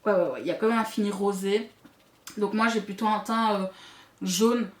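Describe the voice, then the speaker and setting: A beauty vlogger with a Belgian or Swiss French accent reviews makeup to camera in a steady, medium-pitched voice at a moderate pace. She's chatty and full of asides to viewers, recorded in an echoey room.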